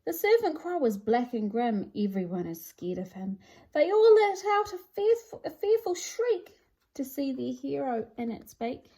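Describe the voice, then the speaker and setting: Very animated and high-voiced, this woman reads a children's picture book aloud at a measured pace, her tone mellow. She presents the story in a theatrical, rhyming, sing-song style meant for children.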